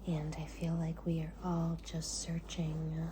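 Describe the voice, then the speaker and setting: Very slow whispering ASMR woman. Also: low-pitched, monotone, noisy background. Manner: hushed, unhurried, with pauses between short phrases. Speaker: ASMR host.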